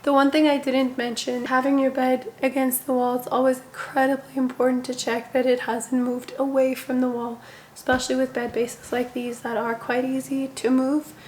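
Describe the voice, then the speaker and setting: A young woman with a slightly hoarse voice, talking casually and relaxed from her bedroom, with plenty of "like" fillers. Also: high-pitched, moderate pace, a little hiss or hum. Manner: chatty, relaxed, with frequent "like" fillers. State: voice somewhat hoarse. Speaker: parenting vlogger. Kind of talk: casual home tour talk. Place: her bedroom, seated indoors.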